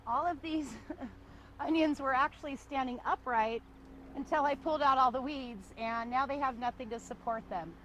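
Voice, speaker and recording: A woman's voice: high voice, normal speed, fairly bright tone, slight background noise, low-quality recording. A woman on a casual show-and-tell tour of her vegetable garden, chatty and enthusiastic, often laughing. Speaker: small farmer giving a garden tour.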